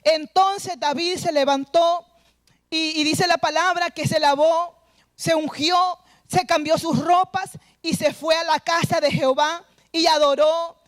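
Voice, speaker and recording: A woman's voice: very high voice, fairly even intonation, measured pace, no room sound. A woman pastor delivering an earnest sermon, retelling a scripture story and urging the congregation to return to God. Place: church service.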